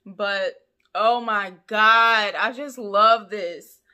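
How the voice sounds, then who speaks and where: A young woman talks straight to her viewers in a loose, chatty vlog. Her voice is bright and forward, with playful asides and lively emphasis. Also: mid-range voice, extremely slow, clean tone. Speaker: vlogger. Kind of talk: casual vlog chat to camera.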